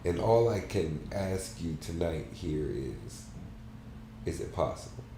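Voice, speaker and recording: Deep, slow man reading softly in an echoey room. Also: very animated, gravelly. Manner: soft, halting, measured delivery. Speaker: book club host. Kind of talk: reading a book aloud. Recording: roomy echo, faint background hum.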